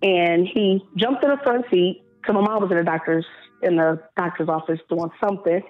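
A woman calling into a live show, telling a story in a halting, laughing way. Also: fairly low pitch, narrow, tinny audio, over music. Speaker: caller. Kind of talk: casual phone chat.

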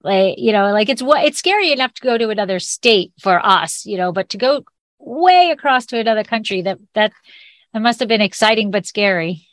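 A woman's voice: mid-range voice, animated, fairly quick, a bit bright, dry recording. A woman hosting a podcast, chatting in an upbeat, casual way with fillers and restarts. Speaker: podcast host. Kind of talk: casual interview chat.

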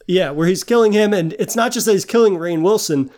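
Higher-voiced young man musing on films. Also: a little fast, a little mellow. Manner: thoughtful, long winding sentences with many fillers. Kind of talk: casual film discussion.

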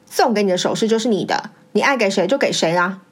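A woman voicing a cruel, scheming first wife who flips between false sweetness and sharp scolding in a storybook tale. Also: medium pitch, animated, quick pace, pitched below the performer's own voice, natural voice. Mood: falsely sweet. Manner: sly, scolding, two-faced. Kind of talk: storybook reading.

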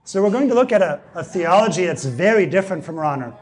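A man with a high-pitched voice lectures to an evening audience on theology. His voice is going hoarse, and he keeps clearing his throat. He works through his points by restating key phrases and checking in with "see?". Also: lively intonation, fast talker, a little hiss or hum.

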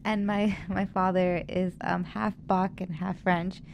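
A woman from El Salvador, a guest in a casual chat, talking hesitantly with many pauses. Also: mid-range voice, level tone, creaky, darkish tone, a little hiss or hum.

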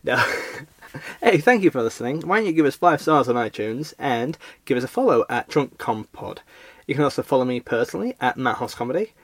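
A man's voice: medium pitch, very animated, brisk, dry recording. Hungover man rambling on a podcast, dry sound. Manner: hesitant, rambling, self-deprecating. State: hungover, sleepy. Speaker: podcast host. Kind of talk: casual podcast chat.

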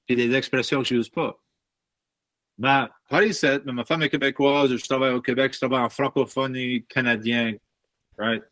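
A man's voice: mid-range voice, no room sound. A man in his thirties from Baie Sainte-Marie with an Acadian French accent, chatting as a musician guest and mixing English words into his French. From Baie Sainte-Marie, Nova Scotia. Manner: mixes English words into French, lively storytelling. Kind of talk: casual interview chat.

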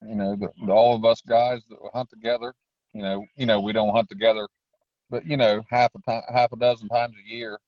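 A man's voice: on the low side, dry recording, dull audio. A man telling stories casually in a folksy, rambling way as an interview guest. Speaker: interview guest, raccoon hunter. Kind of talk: casual storytelling.

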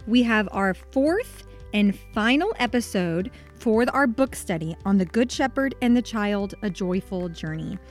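A woman hosting a faith podcast, speaking in an enthusiastic, encouraging way as she introduces and interviews a guest. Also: mid-range voice. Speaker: podcast host.

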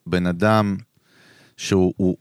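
A podcast co-host thinks aloud in loose, rambling sentences, circling back as he goes. His voice sits low. The sound is dry and close. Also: little pitch movement, smooth, no echo. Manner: musing, loose rambling explanations. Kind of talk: casual chat.

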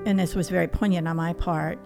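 A middle-aged woman, a therapist, telling a personal story in an interview in a reflective, halting way. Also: on the low side, steady tone, creaky, over music.

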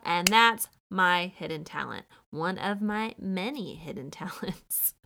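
A woman's voice: on the low side, sharp tone. A woman in her thirties hosting a casual commentary, chatty and sarcastic. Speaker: podcast host recapping a true-crime show.

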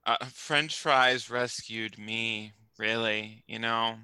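A man playing an excitable, sleazy male manager of cat videos, talking in gushing baby talk and giggles in an improvised comedy bit. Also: fairly low pitch, slow pace, smooth, dry recording, exaggerated voice. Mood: scheming. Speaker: guest. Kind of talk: improvised comedy role-play.

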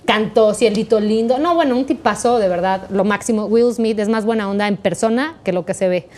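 A young adult Mexican woman, a podcast guest, telling a story in a chatty, animated way. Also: mid-range voice, brisk. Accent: Mexican Spanish. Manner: chatty, animated, acts out quoted voices.

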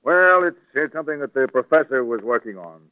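An actor playing a blunt, stubborn police commissioner in a 1940s radio drama, emphatic and matter-of-fact. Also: male voice, mid-range voice, animated, fairly quick, dry recording, highs cut off, lightly acted. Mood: brusque. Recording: dry vintage radio recording.

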